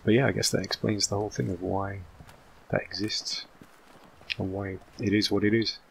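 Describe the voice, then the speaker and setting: A man from England in his thirties talks over a game in casual, rambling commentary, with a British accent worn partly American. His voice sits low and carries a gravelly fry. He fills his pauses with plenty of "um"s. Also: level tone, slight background noise. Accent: British English mixed with American. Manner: rambling and chatty, with many "um" fillers. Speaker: gaming channel host. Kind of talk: casual let's-play commentary.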